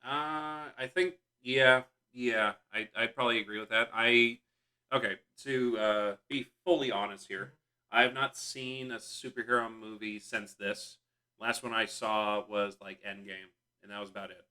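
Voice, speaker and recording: A man's voice: fairly low pitch, fairly even intonation, unhurried, pushed and bright. A young man co-hosting a podcast in casual chat, easygoing and hesitant, laughing often. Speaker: podcast co-host.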